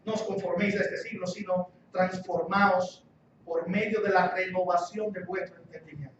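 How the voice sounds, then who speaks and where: A man with a high voice preaches a sermon, pressing his points and repeating key phrases. He sounds far from the microphone, with heavy echo in a church hall and a dull, muffled tone. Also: fairly even intonation, moderate pace, slight background noise. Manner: emphatic, repeats key phrases, rhetorical questions. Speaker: guest pastor. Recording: echoey church hall, distant dull mic.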